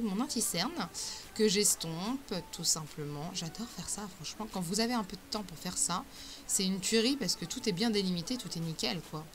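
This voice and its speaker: A woman's voice: fairly low pitch, a bit bright, a little hiss or hum. A woman beauty vlogger talking through a makeup tutorial in a casual, chatty way, with many fillers and self-corrections.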